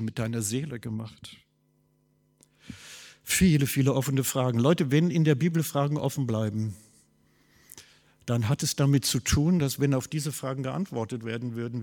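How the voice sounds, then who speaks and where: A man preaching a sermon, swinging between loud emphasis and quiet low asides. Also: big-room sound. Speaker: pastor.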